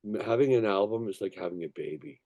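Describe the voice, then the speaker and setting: A man with a very low, gravelly voice tells stories about his craft as a musician in a loose interview. He rambles emphatically, swears freely and keeps checking that he is being followed. The tone is dark and mellow. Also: quick pace. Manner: sweary, emphatic, repeatedly checks listener with "you know" and "right". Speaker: musician, songwriter and record producer being interviewed. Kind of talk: casual rambling interview storytelling.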